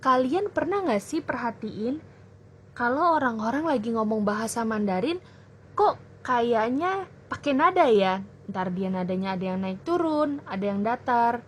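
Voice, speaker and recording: A young woman tutoring children in a language lesson, explaining clearly and patiently. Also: on the high side, expressive, a little hiss or hum. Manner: slow, clear teacherly explaining. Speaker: Mandarin tutor.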